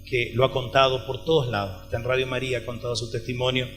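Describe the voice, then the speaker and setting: A man preaching in Rioplatense Spanish, retelling a woman's story and her doctor's words, his voice swinging from loud stresses to hushed lines. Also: mid-range voice, little pitch movement, fast talker, faint music behind. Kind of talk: sermon with retold dialogue. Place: large event hall.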